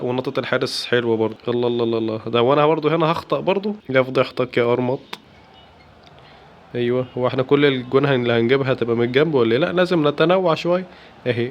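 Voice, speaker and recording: Man, Egyptian accent, rapid game commentary, excitable, faint background hiss. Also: mid-range voice. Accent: Egyptian Arabic. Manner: excited, playful, exclaiming. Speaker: gaming YouTuber. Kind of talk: live gameplay commentary.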